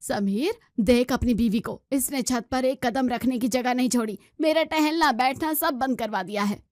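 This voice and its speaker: A woman voicing a scolding middle-aged mother-in-law who nags in a shrill voice. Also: moderate pace, no room sound, clean studio sound, close to an everyday voice. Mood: angry scolding. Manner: shrill, nagging complaints.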